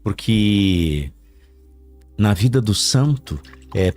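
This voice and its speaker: A man who is a priest, a guest on a podcast, calmly explaining how the church weighs evidence. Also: lowish voice, drawn-out words, faint music behind. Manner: calm, affirming interjections, explains church practice. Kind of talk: casual chat.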